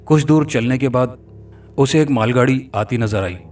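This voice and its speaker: A man narrating a scripted horror story in an even, dramatic storytelling manner. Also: medium pitch, moderate pace. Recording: distant mic with faint music.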